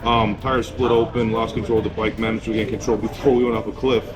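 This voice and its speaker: Speaking quickly in a lowish voice with little pitch variation, a Polish man and business owner answers street-interview questions. He offers blunt, candid views on travel and dating.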